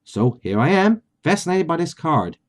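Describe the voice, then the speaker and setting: A man chatting and reading aloud as host, his pitch moving up and down a lot. He talks loosely, pausing on fillers like "uh" and "um" between thoughts. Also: very animated. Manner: chatty, with many fillers and laughs. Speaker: author and channel host. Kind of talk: casual chat and book reading.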